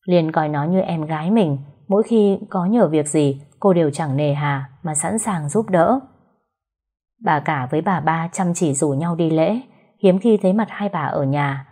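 A woman narrating an audio story in a steady storytelling voice. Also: sits low, a little slow, slightly rough.

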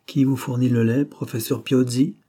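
A man voicing a confident male detective, insistent and brisk, in a storybook reading. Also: medium pitch, fairly even intonation, dark tone, husky, voice pushed up. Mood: firm. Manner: insistent, cheerful authority.

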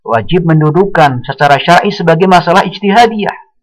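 A man giving a religious study lecture, speaking in a measured way and quoting Arabic passages. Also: on the high side, expressive, low-quality recording. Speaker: Islamic teacher.

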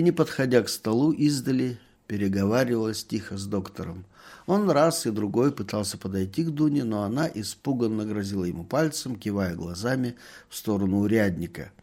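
A man's voice: on the low side, normal speed. A man narrating a literary story aloud. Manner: expressive storytelling. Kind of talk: literary audiobook reading.

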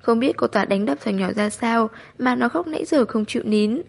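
A woman reading the part of an angry young stepmother, with a sharp, scolding delivery. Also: fairly high pitch, animated, normal speed, creaky. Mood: accusing.

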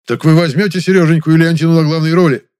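A man voicing a loud, fawning middle-aged theatre director in an audiobook. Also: medium pitch, lively intonation, fairly quick, dry recording, clean studio sound, pitched above the performer's own voice, close to an everyday voice. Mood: gushing. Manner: loud, gushing, ingratiating.

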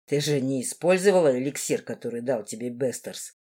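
A cruel, hot-tempered young lord, as a woman reader puts him on, his voice dropped low and growling. He hisses threats with slow menace. A storybook villain through and through. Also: lively intonation, warm tone, slightly rough, heavily acted. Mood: menacing.

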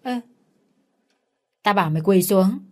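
A woman's voice: mid-range voice, animated, a little fast, a little mellow, close to an everyday voice. A bullying young husband, voiced by a woman narrator without much disguise. He barks short orders and insults in a curt, abusive way. This is an audio story read by one woman. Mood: harsh.

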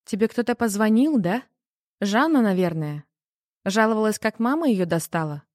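A woman's voice: medium pitch, expressive, moderate pace, darkish tone, dry recording, clean studio sound, natural voice. A woman reading the part of a worried, teasing wife who keeps pressing with questions in an audiobook. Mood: needling. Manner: pushy, needling questions.

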